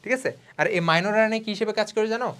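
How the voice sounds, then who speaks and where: Fast-talking young male biology tutor. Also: high voice, fairly bright tone, smooth. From Bangladesh. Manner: fast, chatty, mixes in English words; checks in with students constantly. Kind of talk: online exam-prep lesson.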